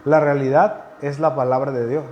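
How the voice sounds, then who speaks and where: An earnest male preacher teaches a sermon. His voice sits at a middle pitch and his delivery stays conversational while he leans on repeated phrases. A faint hum of noise sits behind him. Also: level tone, normal speed, dull audio.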